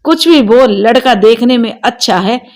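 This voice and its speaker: A woman's voice: fairly high pitch, lively intonation, moderate pace, darkish tone, lightly acted. A woman voicing a playful young woman gossiping with her friend.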